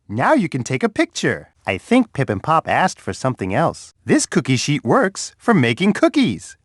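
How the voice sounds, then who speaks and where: Kindly big bear, children's game guide, warm and coaxing, voice soaring up and down, dry close sound. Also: male voice, fairly high pitch, dry recording, heavily acted. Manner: warm, patient, talks straight to a young child. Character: big friendly male bear host, gentle and encouraging. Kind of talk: children's edutainment game voice clips.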